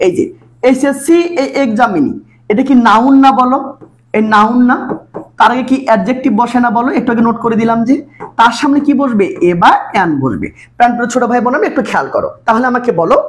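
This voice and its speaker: A man teaching a live online exam-prep English class, coaxing students with constant repeated questions. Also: extremely high pitch. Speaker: English tutor.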